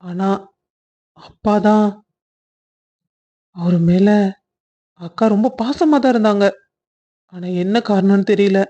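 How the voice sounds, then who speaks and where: Actor doing a mellow-toned, hurt young cartoon guy, muffled audio. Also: mid-range voice, takes it slowly, long pauses. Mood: bitter. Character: young man, bitter and hurt by his runaway sister. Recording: dull lo-fi audio.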